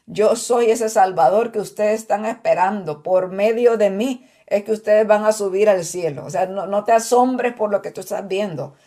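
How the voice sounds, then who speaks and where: A woman's voice: mid-range voice, moderate pace, hardly any pauses. A woman co-hosting a Bible study program, talking animatedly and acting out the voices she quotes. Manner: animated, acts out quoted voices, laughs often. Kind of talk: conversational Bible teaching.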